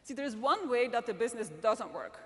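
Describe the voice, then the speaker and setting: Lively intonation and a fairly quick pace mark this woman's slightly high, fairly bright voice. A middle-aged editor-in-chief of a magazine from Belgium, she speaks English as a later-learned, non-native language. She gives an earnest talk to a live audience at a summit, frequently restarting, and the recording has long reverb from the large event hall.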